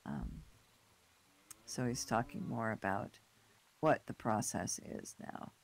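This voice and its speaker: A hoarse man with a raspy voice reads scripture aloud in a temple class, then talks informally with the group. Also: fairly low pitch, very animated, slow pace, rough recording. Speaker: class leader reading scripture. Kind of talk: scripture reading and class talk.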